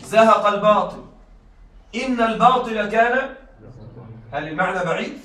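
A man's voice: high-pitched, lively intonation, normal speed, a bit bright. A man teaching a rhetoric lesson to a class, often stopping to check that the students follow and repeating his examples. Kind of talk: classroom lecture. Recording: echoey room, mic far off, faint noise.

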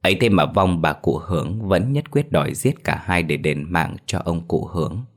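A man narrating a horror story in a steady, ominous way. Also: low-pitched, moderate pace.

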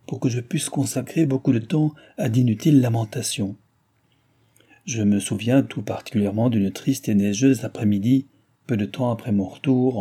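A man reading a classic novel aloud as an audiobook narrator, in a measured, steady, literary way. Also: medium pitch.

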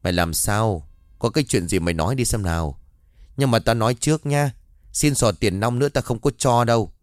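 A man's voice: lowish voice, brisk, no echo, clean studio sound, natural voice. A man voicing a stern middle-aged mother who scolds her daughter bluntly and sharply. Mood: scolding, shocked.

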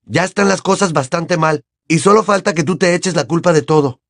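A man's voice: fairly high pitch, fairly quick, gravelly, a bit bright, dry recording, clean studio sound, pitched above the performer's own voice. A man voicing a frustrated, blunt teenage boy in an audiobook, speaking curtly. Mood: irritated. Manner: curt, irritated. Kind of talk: audiobook character voice.

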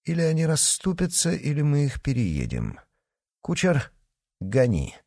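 A man's voice: on the high side, huge pitch swings, a little slow, mellow, no echo, studio quality, pitched above the performer's own voice, exaggerated voice. A man playing a bold, witty musketeer. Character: bold, quick-witted young male musketeer.

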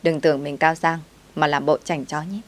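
A woman voicing a spiteful young female coworker who taunts and shouts. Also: low voice, flat delivery, normal speed, natural voice. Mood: hostile.

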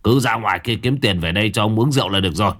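A man voicing a drunk, violent, greedy middle-aged husband who shouts rapid abuse. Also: lowish voice. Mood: drunken rage.

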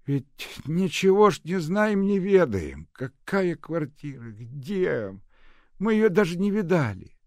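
A man's voice: a little high, very animated, slow pace, a little mellow, no room sound, studio quality, voice pushed up, heavily acted. Man doing a grumbling old nanny. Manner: grumbling, mocking.

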